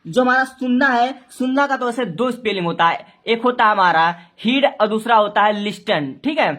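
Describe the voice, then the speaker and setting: This Hindi-to-English translation lesson is taught by a woman whose voice is a little high, animated and fairly bright, at a moderate pace. She explains every step, answers her own questions, and spells words one letter at a time.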